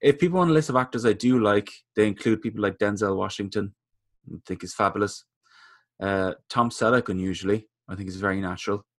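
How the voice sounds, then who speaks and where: A man's voice: on the low side, fairly quick, no room sound, clean studio sound. A man co-hosting a podcast, chatting casually and rambling with opinions and fillers. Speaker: podcast co-host. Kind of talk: casual chat.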